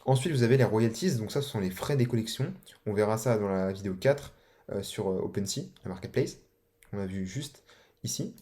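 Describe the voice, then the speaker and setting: Casual man explaining, dark voice. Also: lowish voice, fairly quick. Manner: colloquial, loose, many fillers and slang. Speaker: online course instructor.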